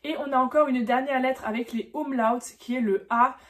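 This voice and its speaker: A woman giving a casual pronunciation lesson, demonstrating sounds slowly and repeating words with frequent fillers. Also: high-pitched, steady tone, a bit bright. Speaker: German teacher.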